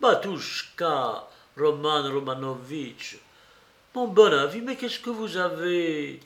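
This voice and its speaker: A man's voice: on the high side, takes it slowly, creaky, a bit bright, echoey room, voice pushed up, exaggerated voice. A man reading aloud voices a fussy, sly middle-aged magistrate who coaxes and frets over his visitor. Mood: fretful. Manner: coaxing, fretful fussing.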